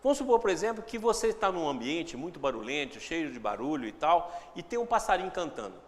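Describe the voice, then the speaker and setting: This spiritual teacher, speaking with a Brazilian Portuguese accent, talks fast and very animatedly in a slightly high voice, with a long reverb tail trailing his words. His reflective talk features inner dialogues he performs in changing voices.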